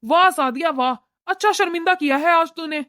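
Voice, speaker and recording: A woman's voice: very high voice, brisk, pushed and bright, dry recording, clean studio sound. A woman voicing a stern middle-aged father in a cartoon, scolding and lecturing his family. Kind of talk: cartoon voice acting.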